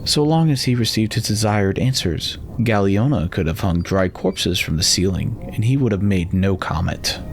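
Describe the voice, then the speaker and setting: A man's voice: fairly low pitch, normal speed, hardly any pauses, a little hiss or hum. A man giving a dramatic scripted narration of a fantasy novel as its narrator.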